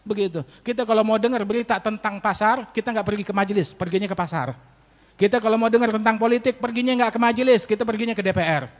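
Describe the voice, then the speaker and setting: High-voiced preacher in a hall. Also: male voice, fast talker. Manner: animated, rhetorical questions, colloquial. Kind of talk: sermon at a religious gathering. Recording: echoey hall reverb.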